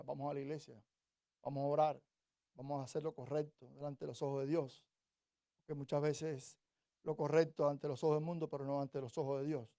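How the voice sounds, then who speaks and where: A middle-aged man from Cuba preaching a sermon, talking conversationally and often checking in with the listeners, then rising to slower, stronger emphasis when reading scripture. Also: fairly high pitch, dark tone, no echo, studio quality. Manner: conversational, rhetorical "¿cierto?" checks.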